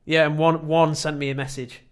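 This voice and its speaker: A man's voice: on the high side, flat delivery, brisk, clean tone. Rambling self-deprecating male podcaster. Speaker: podcast co-host. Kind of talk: casual chat.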